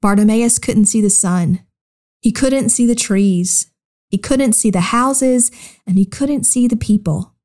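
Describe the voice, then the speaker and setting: A woman in her thirties hosting a children's podcast, gently narrating a Bible story and speaking directly to young listeners. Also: a little high, unhurried.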